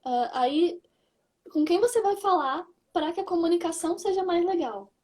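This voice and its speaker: High-voiced chatty woman host. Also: normal speed. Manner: lively, chatty, tags phrases with "né". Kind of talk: casual interview chat.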